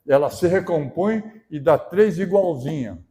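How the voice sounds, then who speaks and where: A male pastor delivering a sermon. He talks in a conversational way, keeps checking in with the congregation, and swells into loud, emphatic bursts. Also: a little high, expressive, a little slow. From southern Brazil.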